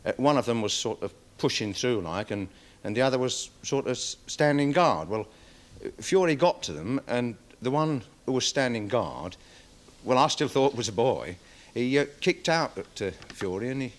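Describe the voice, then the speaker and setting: An actor playing a nervous, deferential security guard testifying in a 1970s television courtroom drama, rambling with many fillers. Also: male voice, medium pitch, expressive, normal speed, natural voice. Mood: worried, defensive. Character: nervous security guard witness, dog handler. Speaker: witness in court.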